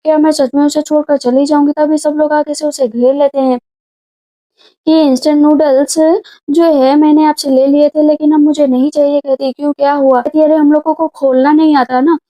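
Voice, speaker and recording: A woman's voice: high-pitched, flat delivery, brisk, dark tone. A woman narrating a drama recap in a casual storytelling way, speaking the characters' lines in her own voice. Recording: dull lo-fi sound.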